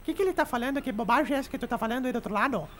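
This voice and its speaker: A sharp-tongued old lady, acted by a woman who talks in a high, piercing voice. She tells jokes with bossy, mocking timing on a radio comedy show. Faint music plays underneath. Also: rapid-fire, close to an everyday voice. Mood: teasing. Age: older. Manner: teasing, bossy storytelling. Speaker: comic radio show regular.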